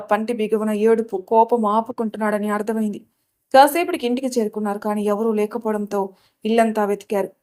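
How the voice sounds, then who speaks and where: A woman narrating a scripted love story with an expressive, dramatic reading. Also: mid-range voice.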